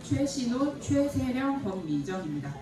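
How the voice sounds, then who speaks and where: A woman reading out name lists and announcements at a church youth gathering in a brisk, matter-of-fact way. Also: on the high side, big pitch swings, over loud music. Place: church hall. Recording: echoey hall from far off, noisy crowd. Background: loud crowd and noise.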